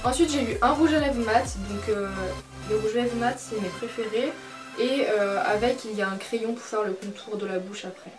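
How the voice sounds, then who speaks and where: A young woman with a slightly high voice, talking hesitantly through a casual vlog and often stopping on fillers. She sits a little away from the camcorder mic, with faint music behind her. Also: normal speed, recorded from a distance. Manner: hesitant, many fillers, apologetic. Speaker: beauty vlogger. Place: her mother's bedroom, indoors.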